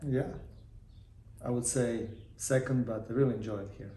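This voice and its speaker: A Croatian film producer and actor in his fifties chats as a guest in a casual interview, answering in an easygoing way that rambles and restarts. His mellow, mid-range voice keeps a fairly even intonation at normal speed, recorded in an echoey Los Angeles room with faint noise.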